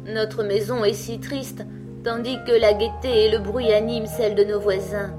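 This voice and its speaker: A woman's voice: mid-range voice, steady tone, normal speed, over music, lightly acted. A woman voicing a kind, wary peasant father who speaks plainly and firmly, in a storybook reading.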